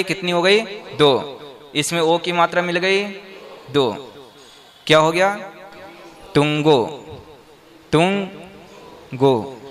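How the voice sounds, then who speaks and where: A monk leads a class in a slow, measured voice, stopping again and again to quiz his listeners. His tone is bright and a little high for a man. He explains each step with patience. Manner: quizzes the class with repeated questions. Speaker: Jain monk teaching verse meter. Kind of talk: classroom teaching.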